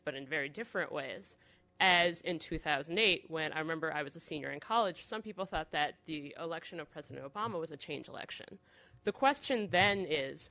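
A woman's voice: lowish voice, a bit bright. A woman, a reporter speaking on a panel in a conversational, thoughtful way. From Midwestern United States. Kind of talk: panel talk.

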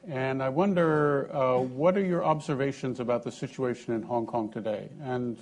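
A man moderating a public forum, polite and courteous, with gentle fillers as he poses a question. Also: medium pitch, moderate pace.

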